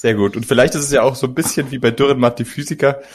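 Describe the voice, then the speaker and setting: A man's voice: medium pitch, fairly even intonation, racing. Jovial man hosting a podcast. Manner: jovial, leading the talk with light joking. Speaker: podcast host. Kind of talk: casual podcast conversation.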